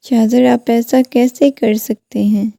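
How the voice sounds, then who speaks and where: A woman voicing a heartbroken, tearful young wife who pleads softly, in a creaky voice. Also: a little high, fairly even intonation, dry recording, clean studio sound.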